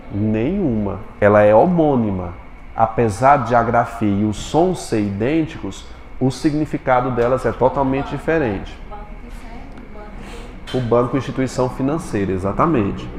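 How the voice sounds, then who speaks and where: A Brazilian man lectures a class as their teacher, tossing quick questions to the students between explanations. His voice rings through a roomy classroom with a long reverb tail, and faint noise hums underneath. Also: mid-range voice, animated. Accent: Brazilian Portuguese.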